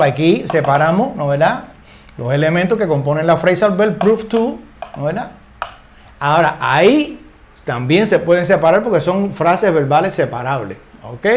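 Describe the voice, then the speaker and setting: High-voiced older man teaching casually. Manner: ends phrases with tag questions, repeats words while searching. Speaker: English teacher. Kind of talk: casual spoken grammar lesson.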